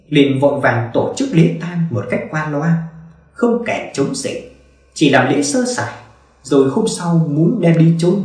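Man telling a ghost story in an echoey room. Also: fairly high pitch. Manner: expressive, dramatic storytelling. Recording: very echoey room, distant mic.

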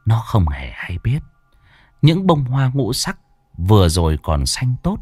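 A man's voice: on the low side, wildly swooping pitch, a little slow, warm tone, breathy edge, no echo. A man narrating a ghost story in a dramatic storytelling manner. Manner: dramatic storytelling with voiced characters. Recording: dry close recording with faint music.

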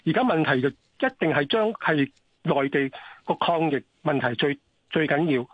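A man with a Hong Kong Cantonese accent calling in to a radio talk show, halting and repeating himself as he makes his point. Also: on the high side, expressive, breathy edge, dry recording. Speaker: radio phone-in caller. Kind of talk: casual call-in talk. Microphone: telephone. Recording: dry phone-line audio.

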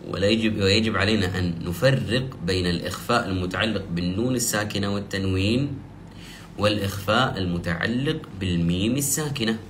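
A man teaching the rules of Quranic recitation, explaining step by step and slowly drawing out the example verses he recites. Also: on the low side, fairly bright tone, slight background noise. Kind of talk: tajweed lesson.

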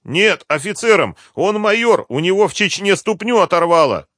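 A cornered driver squeals his denials in a strained, high, panicky pitch, as a male reader acts him out. The character voice rises and falls sharply. The recording is dry and close. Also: expressive, moderate pace, fairly bright tone, dry recording. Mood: frightened. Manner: shrill, frantic, high-pitched pleading. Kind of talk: audiobook character voice.

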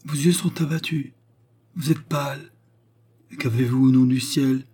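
A man's voice: mid-range voice, fairly even intonation, unhurried, warm tone, husky, voice pushed up. A man reading aloud voices a languid, gossiping widow in her thirties, who speaks in a plaintive, sighing, theatrical way.

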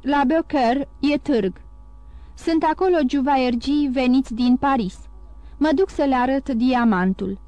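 A woman voicing a poor, excitable male innkeeper who exclaims fervently in an audiobook. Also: sits high, no echo, close to an everyday voice.

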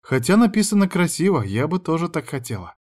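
A man voicing a dramatic, excitable teenage girl who is the narrator's younger sister. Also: fairly high pitch, fairly quick, voice pushed up. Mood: teasing. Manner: exclaiming, protesting, dramatic.

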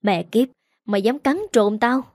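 A woman's voice: on the high side, measured pace, darkish tone, dry recording, studio quality. A woman voicing an arrogant, cruel rich young man who mocks and sneers. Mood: sneering. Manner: sneering, mocking.

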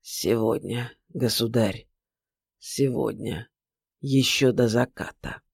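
A reader voicing an old blind sorcerer who speaks slowly, weightily and solemnly. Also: medium pitch, no echo, clean studio sound, pitched below the performer's own voice, natural voice. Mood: grave. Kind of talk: audiobook character voice.

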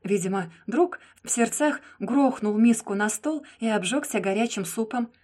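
A young woman narrating a first-person audiobook, soft and subdued, often close to a whisper. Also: fairly high pitch, expressive, moderate pace.

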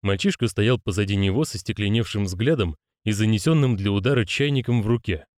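A man narrates an audiobook in an expressive, theatrical way, giving voices to the characters. His voice is on the low side and fairly quick, recorded in a clean studio with no echo.

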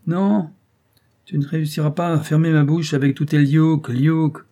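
A man reading an audiobook aloud, voicing a surly, bitter male innkeeper who grumbles and complains in a raised voice, husky and dark. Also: medium pitch, fairly even intonation, moderate pace, natural voice. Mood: angry.

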